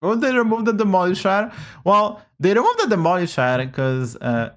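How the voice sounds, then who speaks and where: This Polish-accented man, Polish by native tongue, curses constantly while casually commentating his game stream from home, bluntly ranting whenever bugs appear. He has a fairly high, fairly bright voice.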